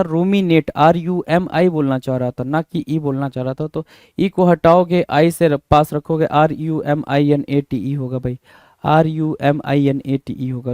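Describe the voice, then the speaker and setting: A man runs a spelling lesson, spelling each word out letter by letter and repeating it with rhetorical questions. His voice sits a little high and sounds smooth and resonant. The recording is close and dry. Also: a little mellow, no echo. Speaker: teacher.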